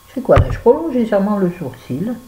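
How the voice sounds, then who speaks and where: A French beauty vlogger talks her way through a make-up tutorial, chatting with viewers and muttering to herself as she works. Her mid-range voice is mellow and sing-song, she speaks fast, and the recording is rough.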